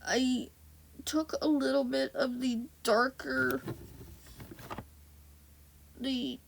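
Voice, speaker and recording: A woman's voice: sits high, level tone, extremely slow, a little hiss or hum. A woman talking casually in a voiceover, rambling and correcting herself, her voice a bit off today. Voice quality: gravelly fry in her voice. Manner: rambling, self-correcting, lots of ums. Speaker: beauty vlogger. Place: home, indoors.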